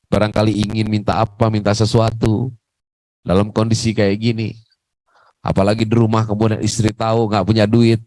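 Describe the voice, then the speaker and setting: A male moderator on a religious radio talk show. He speaks in a fairly low voice, conversational and reflective. The studio sound is dry and close. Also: monotone, moderate pace, a little mellow, no room sound, rough recording.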